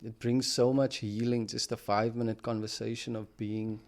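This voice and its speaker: A man's voice: mid-range voice, flat delivery, moderate pace, a little mellow. A man hosting a podcast, telling a personal story in a reflective, casual way, with many fillers and restarts. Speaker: podcast host.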